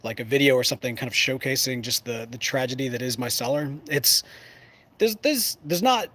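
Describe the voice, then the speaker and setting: A man's voice: mid-range voice, lively intonation, fairly quick, a bit bright. A man chatting casually to camera as a show host, folksy and playful, often rambling and breaking off mid-thought. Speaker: host of a pipe smoking show. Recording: clear background noise, ambient sound.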